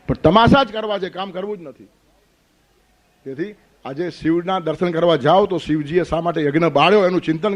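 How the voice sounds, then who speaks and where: Male spiritual teacher, lecturing firmly and scolding, with a slightly high pitch. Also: muffled recording. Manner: forceful, scolding, rhetorical questions. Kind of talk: Gita discourse.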